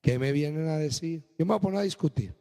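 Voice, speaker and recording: High-voiced preaching pastor in echoing hall. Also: male voice, animated, creaky, warm tone. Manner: preaching with sudden swings from low and slow to high and emphatic. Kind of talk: sermon.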